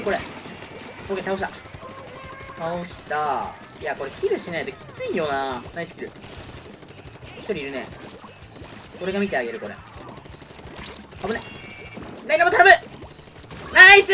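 A man giving live gameplay commentary, reacting as he goes, between muttering to himself and exclaiming. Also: high-pitched. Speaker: gaming streamer. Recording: music and game audio behind. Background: video game music.

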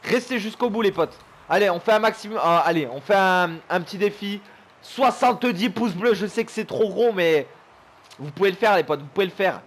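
A young man commentating his own gameplay for viewers, excitable and chummy, swearing and shouting at the game. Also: high-pitched, fairly quick. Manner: chummy, keeps calling viewers his pals. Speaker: gaming YouTuber.

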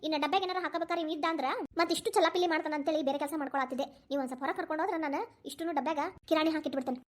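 A woman's voice: high voice, fairly even intonation, very fast, natural voice. A woman voicing a busy, harried young mother who scolds and complains, with a Dharwad Kannada accent. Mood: complaining.

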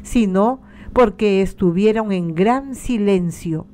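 A woman reading a devotional text aloud in a calm, measured, solemn way. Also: mid-range voice. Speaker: liturgical reader.

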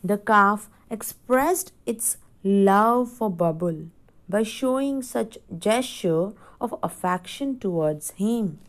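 A woman's voice: medium pitch, lively intonation, takes it slowly. A woman teacher reads a story aloud to her class and stops to explain difficult words to the children. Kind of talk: reading a story aloud in an English lesson.

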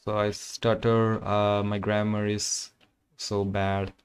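Through a condenser microphone, a young man from Kerala, a native Malayalam speaker with an Indian accent, chats loosely with viewers during a game stream, using lots of fillers. His voice is on the low side, clean-toned, slow and completely flat.

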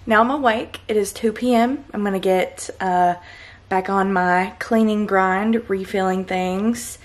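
A woman's voice: mid-range voice, unhurried. A young woman talking casually to the camera in her home kitchen, chatty and upbeat, laughing often. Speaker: vlogger.

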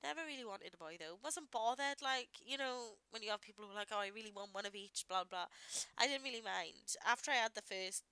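Chatty woman with a bright voice. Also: on the high side, expressive, a little fast, clean tone, dry recording, poor audio. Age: adult parent. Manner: chatty and rambling, lots of "like" and asides. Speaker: gaming YouTuber. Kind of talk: voice-over commentary on recorded gameplay.

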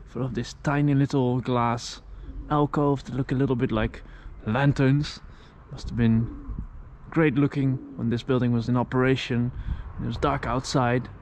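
A man's voice: medium pitch, darkish tone, a little hiss or hum. A man narrating a travel vlog in a curious, musing way while exploring a city outdoors. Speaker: travel vlogger.

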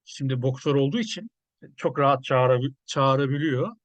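A man's voice: medium pitch, brisk, no echo. Musing man with a dry, close voice. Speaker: journalist commentator. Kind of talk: casual video commentary.

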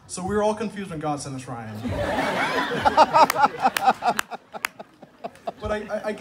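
A young man giving a humorous best-man toast at a night-time garden wedding reception, telling stories in a wry, self-deprecating way and landing punchlines. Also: fairly high pitch. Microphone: far camera across the lawn. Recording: distant phone video with ambient noise.

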